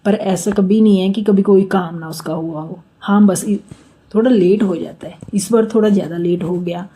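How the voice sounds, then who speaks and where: Mellow-voiced woman giving devotional testimony. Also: medium pitch, husky. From India. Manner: earnest, rambling, addresses listeners as sangat ji.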